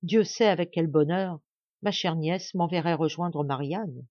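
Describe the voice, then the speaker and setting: A woman reading a novel aloud, voicing a bitter, scheming older aunt who talks slowly and threateningly. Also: lowish voice, a little mellow, dry recording, dull audio. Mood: wary. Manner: slow, menacing, resentful.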